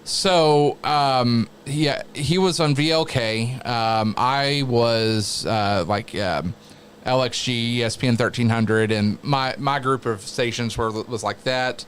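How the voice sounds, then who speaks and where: American male, mid-pitched voice, wrestling announcer in relaxed podcast conversation, faint background noise. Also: takes it slowly. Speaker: wrestling announcer and radio veteran, interview guest. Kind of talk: casual chat, telling career anecdotes. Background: background noise, wrestling show playing on a TV.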